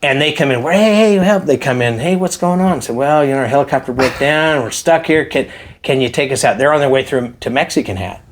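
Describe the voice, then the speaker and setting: Male guest, casual interview storyteller, lively when quoting others. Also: mid-range voice, fast talker, slight background noise. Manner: animated storyteller acting out quotes. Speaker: helicopter pilot guest.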